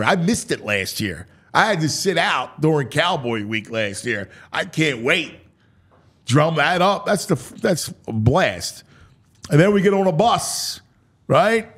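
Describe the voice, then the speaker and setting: An American man with a slightly high, fairly bright voice hosts a sports talk show. He gives an animated, dramatic breakdown of a schedule, full of theatrical, announcer-like pronouncements and casual side comments.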